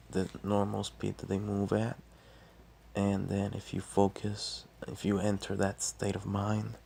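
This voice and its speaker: Deep, gravelly man talking quietly, slowly. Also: a little hiss or hum. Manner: quiet, subdued late-night delivery; halting, pausing mid-phrase. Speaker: martial arts vlogger. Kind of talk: casual solo talk explaining fighting technique.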